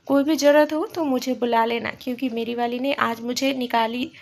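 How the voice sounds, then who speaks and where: A woman's voice: on the high side, fairly even intonation, normal speed, close to an everyday voice. A woman reading a joking young man who reassures his friend in a bantering tone. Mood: reassuring.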